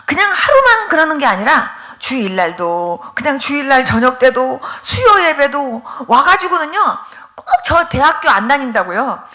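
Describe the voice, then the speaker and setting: Middle-aged woman pastor, high bright voice, animated revival testimony, emphatic and tearful. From Korea. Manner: animated storytelling, acting out quoted voices. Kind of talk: testimony sermon at a revival meeting.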